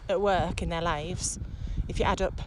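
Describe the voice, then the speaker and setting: A British woman who works as a corporate trainer co-hosts a podcast, chatting casually while out walking, with clear traffic noise in the outdoor recording. She speaks at a moderate pace in a fairly low, steady voice.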